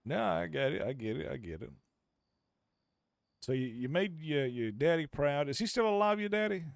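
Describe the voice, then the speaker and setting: A man's voice: a little high, lively intonation, normal speed, gravelly, dry recording, clean studio sound. A man role-playing a reflective Californian drifter in the Old West, with an American accent and a folksy, theatrical way of repeating himself for emphasis. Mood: approving. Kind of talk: improvised Western role-play.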